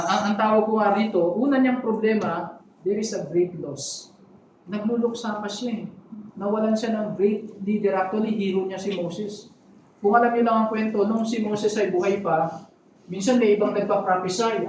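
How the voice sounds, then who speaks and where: A pastor giving a sermon, talking conversationally with frequent asides to the congregation. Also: male voice, high voice, a little hiss or hum. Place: church hall. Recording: echoey hall from far off.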